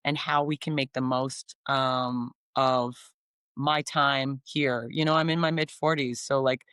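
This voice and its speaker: A woman's voice: a bass voice, fairly even intonation, a little slow, a bit bright, clear, resonant tone, no room sound, studio quality. A woman in her forties from Canada, a singer-songwriter talking in a casual interview, upbeat and enthusiastic with frequent ums and restarts. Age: 40s.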